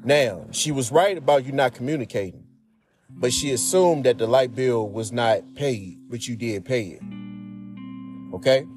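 A man's voice: medium pitch, measured pace, faint music behind. A man talking earnestly and casually to his viewers, giving marriage and relationship advice and often calling them "man" and "y'all". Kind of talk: casual heartfelt advice talk.

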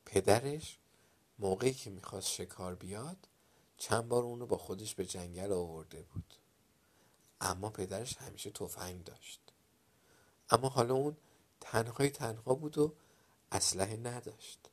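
A man narrating a children's story dramatically, dropping to a hush at some moments and getting loud at others. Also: on the low side, long pauses. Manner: dramatic, loudness swinging from hushed to loud.

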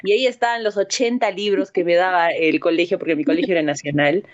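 A young woman, casually telling a story to friends and acting out the voices with big jumps in pitch. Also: fairly even intonation, quick pace. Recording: dull lo-fi recording.

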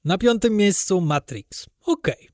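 A man's voice: high voice, expressive, unhurried, a little mellow, no room sound, clean studio sound. A man co-hosting a podcast, chatting casually about film with sarcastic, exasperated rants. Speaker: podcast co-host.

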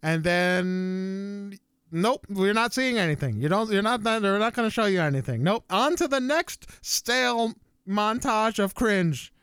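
An energetic young man rants in a casual chat, his high voice leaping all over the place and slipping into exaggerated impressions of other people. The sound is dry and close, with no room around it. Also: a little slow, clean tone, dry recording. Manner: animated, ranting, with exaggerated quoted voices.

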